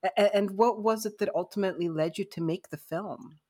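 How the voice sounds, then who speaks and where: A woman's voice: mid-range voice, a little fast, a little mellow, husky. A woman hosting an interview, asking thoughtful, slightly hesitant questions. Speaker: interviewer host.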